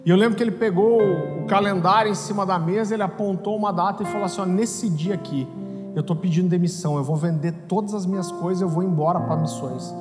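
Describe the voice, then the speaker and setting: Man, Brazilian accent, pastor, animated sermon storytelling, long hall reverb, background music. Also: high-pitched, fast. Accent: Brazilian Portuguese. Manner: animated, acts out voices, jokes.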